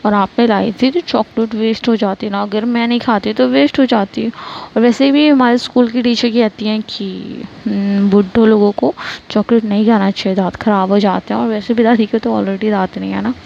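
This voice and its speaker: A woman's voice: medium pitch, steady tone, moderate pace, vocal fry, darkish tone, muffled recording, slight background noise, lightly acted. A woman voicing a chatty, sulking little girl who talks with a baby lisp, in a storybook reading. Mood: coaxing. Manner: lisping baby talk.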